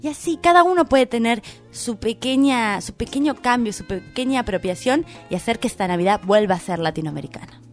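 A woman's voice: a little high, animated, brisk, faint music behind. A woman co-hosting a radio show, delivering a comedic column in a playful, impassioned campaigning tone. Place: radio studio.

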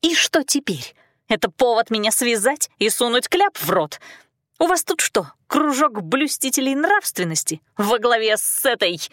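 Woman doing a captive young woman, high and shrill, whining, sobbing, defiant, dry audiobook sound. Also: sing-song, moderate pace, fairly bright tone, no room sound.

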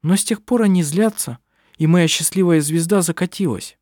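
A man reading aloud, voicing a proud, sharp-tongued middle-aged witch who is a mother, with dry, cutting remarks. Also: high voice, moderate pace, no echo, pitched above the performer's own voice, lightly acted. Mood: wry.

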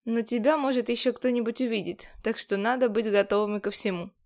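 A woman's voice: a little high, steady tone, brisk, gravelly, a little mellow. A woman voicing a blunt, caring ship medic. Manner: firm, demanding.

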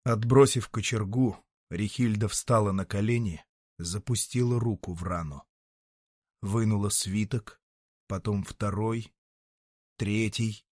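A man narrating an audiobook in a dramatic, expressive storytelling manner. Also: on the low side, unhurried, no room sound, studio quality. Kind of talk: scripted narration.

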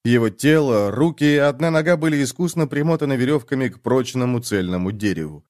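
A man reads an audiobook chapter aloud, telling the story steadily and expressively. His voice sits at an ordinary middle pitch. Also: animated, brisk, darkish tone, no room sound, clean studio sound. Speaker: narrator. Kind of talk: audiobook reading.

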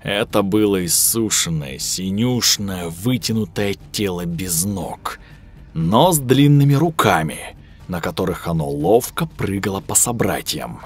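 Husky guy narrating a scary story, dry close sound, faint music behind. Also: low voice, expressive, measured pace. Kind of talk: scripted horror story narration. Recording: dry studio voice over soft music.

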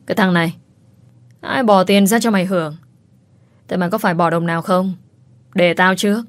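A leering, bossy old man in his sixties, played by a woman narrator, barking orders and threats. The voice sits low and is recorded close and dry, with no room around it. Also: brisk, dry recording, natural voice. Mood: gruff. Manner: gruff, scolding, leering.

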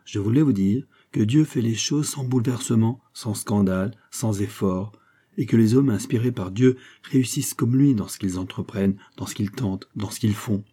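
A cold, scheming churchman , voiced by an audiobook reader, measured and quietly disdainful. The voice is low, dark and husky. He speaks with calm, mocking control. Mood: cool. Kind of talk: audiobook character reading.

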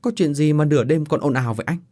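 A man's voice: fairly high pitch, mellow, close to an everyday voice. A surprised young village wife, as a man voices her. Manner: quick, surprised.

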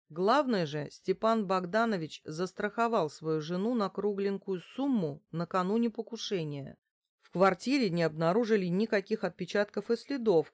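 A woman narrating a first-person crime audiobook in a brisk, matter-of-fact way. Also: mid-range voice, a little mellow, no room sound, clean studio sound.

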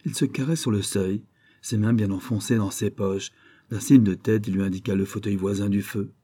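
A man reading a classic novel aloud as an audiobook, with measured, even storytelling. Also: lowish voice. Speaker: audiobook reader. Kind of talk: scripted literary narration.

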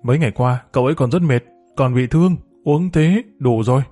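A man's voice: medium pitch, a little fast, dark tone, soft background music, lightly acted. A man voicing a sober, worried young male physician who firmly urges others to stop, in a storybook. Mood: concerned. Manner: firm, concerned.

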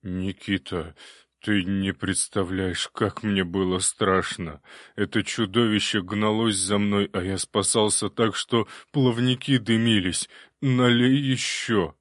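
A man voicing a whiny male water demon who gurgles and whimpers in a plaintive, drawn-out way, in a dry recording. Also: lowish voice, steady tone, no room sound. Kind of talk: audiobook character voice.

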